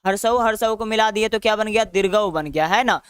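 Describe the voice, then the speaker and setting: A man's voice: sits high, fairly quick, a bit bright, clean tone, no room sound, clean studio sound. A male teacher with a Bihari Hindi accent, giving an online grammar lesson by asking questions and answering them himself, often adding a tag question. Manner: drills students with repeated questions and answers.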